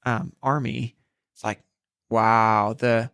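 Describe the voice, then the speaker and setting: A man co-hosts a church podcast in a relaxed Bible study chat. He thinks out loud, full of "like" and "um", at a middle pitch for a man. The sound is dry and close. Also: slow pace, smooth, dry recording. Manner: thinks aloud, many fillers. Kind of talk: casual Bible study discussion.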